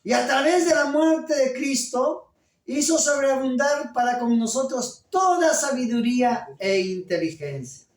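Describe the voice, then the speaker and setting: A pastor preaching a sermon at a deliberate pace and pausing to put questions to the congregation. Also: high-pitched, animated. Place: church. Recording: echoey church room, voice from a distance.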